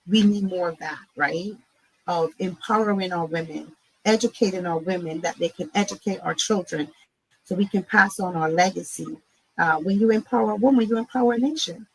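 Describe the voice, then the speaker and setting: On the low side and at normal speed, a Barbadian woman reflects as a guest in a conversational interview, frequently adding "right?". She runs a nonprofit as CEO, and the recording is rough.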